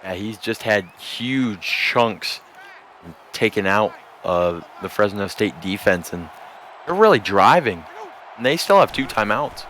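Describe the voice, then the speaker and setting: Slow-paced man calling the plays. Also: on the low side, expressive, slight background noise. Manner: measured, bursts into shouting on big plays. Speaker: play-by-play commentator. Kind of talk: sports commentary.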